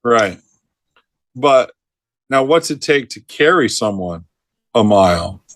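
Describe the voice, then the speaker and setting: Middle-aged man, retired ranger, animated storyteller, laughs while talking, mid pitch, dry close sound. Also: takes it slowly, dry recording. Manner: lively storyteller who laughs mid-sentence and acts out quotes. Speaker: retired forest ranger, podcast guest. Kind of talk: storytelling in a casual interview.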